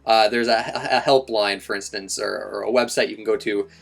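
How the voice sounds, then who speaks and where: A man's voice: on the low side, fairly even intonation, a little fast, creaky, faint music behind. A young man giving a casual video game review, rambling, with many restarts and fillers.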